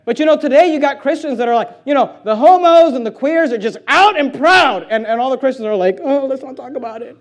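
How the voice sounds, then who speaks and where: A pastor preaching in church reads scripture slowly and weightily, his extremely high-pitched, animated delivery swinging between quiet asides and loud, forceful emphasis.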